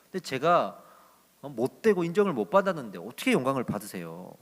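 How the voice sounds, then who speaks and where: A man's voice: medium pitch, sing-song, brisk. Pastor doing a whiny sulky church guy, voice jumps up and down, echoey hall. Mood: aggrieved. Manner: whiny, indignant complaining. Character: grumbling disappointed male churchgoer.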